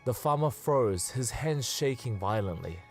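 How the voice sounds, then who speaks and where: A man's voice: medium pitch, expressive, a little mellow, soft background music. Man narrating a radio story. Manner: measured narration, quick laughing chat. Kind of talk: scripted narration and casual chat.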